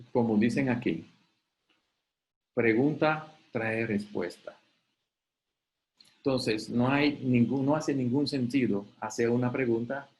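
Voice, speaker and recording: Spanish-speaking man teaching in a relaxed, chatty way. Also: medium pitch, rough recording. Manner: conversational, often tags sentences with "¿ok?". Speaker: webinar facilitator. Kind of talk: live online talk.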